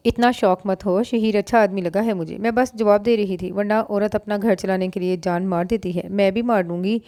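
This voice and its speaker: A woman's voice: mid-range voice, fairly even intonation, moderate pace, mellow, dry recording, studio quality, lightly acted. A woman voicing a frank, self-assured young woman who speaks her mind plainly, in a read-aloud novel. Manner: frank, matter-of-fact.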